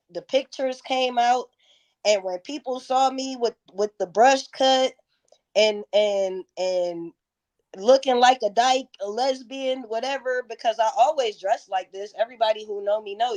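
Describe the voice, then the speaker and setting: A woman's voice: medium pitch, warm tone. A woman in her thirties, a guest in a casual interview, telling stories bluntly with plenty of profanity. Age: 30s.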